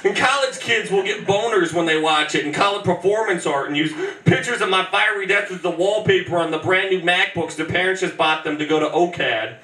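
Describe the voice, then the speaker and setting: A twenty-something man with a high-pitched, sharp voice performs spoken word poetry on a small club stage with band gear behind him. His delivery is rhythmic and punchy, broken up by chatty asides. He uses a stand mic and is filmed from the back of the room, so the live club recording sounds roomy and distant.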